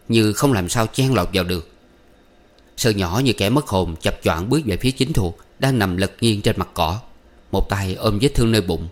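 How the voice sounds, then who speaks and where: A man narrating a story in a steady, even way. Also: fairly low pitch. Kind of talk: audiobook narration.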